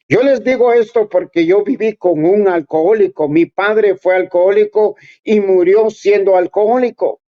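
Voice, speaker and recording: A preacher delivering a sermon at a slow, deliberate pace, urging the listeners directly. The voice sits in a middle pitch. The recording is muffled and lo-fi. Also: darkish tone. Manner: earnest, exhorting, addresses listeners directly. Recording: dull lo-fi recording.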